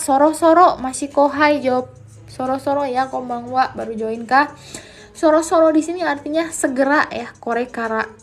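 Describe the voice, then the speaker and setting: Chatty woman teaching a live lesson. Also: on the high side. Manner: chatty, explains slowly, reads answers aloud to viewers. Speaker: Japanese language teacher.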